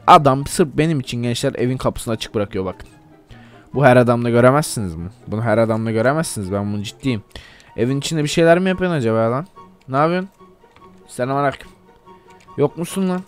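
A man giving casual, playful commentary over his own gameplay, joking and talking straight to his viewers. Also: medium pitch. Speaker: gameplay video host.

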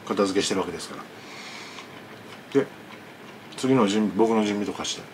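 A man's voice: on the low side, a little fast, a little hiss or hum. A man vlogging about food, chatting casually while eating and telling a rambling story with many asides.

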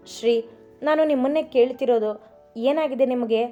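A woman's voice: high voice, normal speed, close to an everyday voice. A woman voicing an anxious young wife who fires off pleading questions at her husband in a story reading. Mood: upset. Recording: dull recording with soft music.

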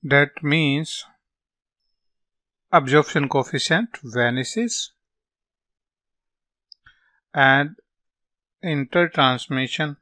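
Slow-paced North Indian man tutoring. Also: on the high side, bright, forceful tone, no echo. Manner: halting, dictating in short phrases as he writes. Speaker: physics tutor. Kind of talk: step-by-step lesson, reading out worked solutions.

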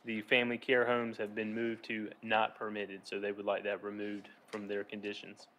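A man in his thirties, a city planner, presenting a formal staff report from a podium in a council chamber, measured and procedural with occasional fillers. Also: on the low side, completely flat delivery, pushed and bright, a little hiss or hum, rough recording. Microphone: podium microphone.

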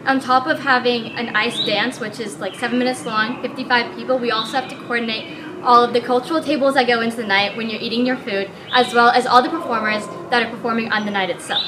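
Cheery teen girl, slightly high, outdoor noise around her. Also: steady tone, fast. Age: teens. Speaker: student club president. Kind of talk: interview to camera. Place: school courtyard, outdoors.

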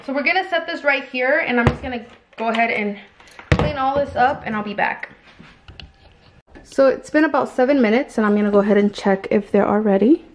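This young adult baking vlogger has a fairly high voice and speaks a little fast in casual instructional chat to her viewers. Informal, chatty and now and then crude, she records indoors in a small home kitchen with clearly noisy sound.

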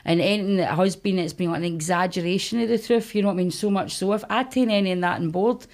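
A woman's voice: medium pitch, fast talker, a little mellow. Candid woman with a broad Scottish accent. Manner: candid, sweary, colloquial storytelling. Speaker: guest, comedy performer. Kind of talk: casual podcast chat.

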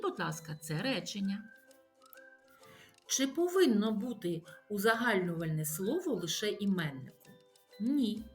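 A woman teacher explaining a grammar lesson, listing examples slowly and deliberately with stressed emphasis. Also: medium pitch. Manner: slow, deliberate enumeration with rising emphasis.

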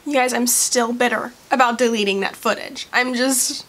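Casting: woman beauty vlogger, chatty, a little high, slight morning roughness. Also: fairly even intonation, moderate pace, a bit bright. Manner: chatty, with frequent likes and ums. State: morning voice, coughing. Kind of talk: casual makeup review vlog. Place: at home, later by a window.

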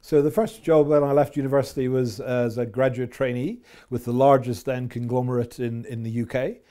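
A man in his fifties with a Scottish accent, a chief executive answering interview questions in a measured, reflective way in an office. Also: mid-range voice, steady tone, dark tone. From Scotland. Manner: measured, reflective, with frequent fillers. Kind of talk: business interview. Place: office with window blinds. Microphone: lapel mic.

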